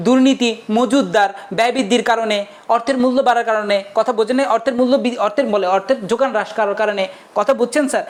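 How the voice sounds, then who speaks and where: A young male teacher giving a casual online lecture, chatty and forever checking whether his students have understood. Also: very high voice. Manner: chatty, keeps asking students if they understood.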